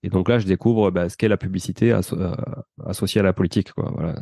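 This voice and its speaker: A man's voice: low-pitched, steady tone, fast talker, gravelly, dark tone, no echo, studio quality. A man of around forty with a Toulouse accent, telling his life story as a guest in a casual interview and often turning to the host. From France. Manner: chatty, addresses the host with "tu vois".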